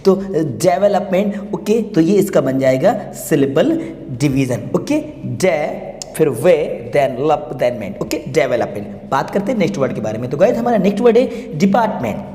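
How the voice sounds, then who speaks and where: A man hosting an English lesson, explaining syllable division slowly and repeating each word part by part. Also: a little high, very animated, warm tone. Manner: slow and repetitive, spells words out syllable by syllable. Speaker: English teacher, channel host.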